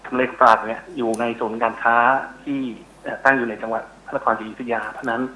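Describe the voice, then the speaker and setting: A middle-aged university researcher speaks as an expert guest in a phone interview, his mid-range voice flat, quick and sharp as he often gropes for words. The telephone recording is low in quality.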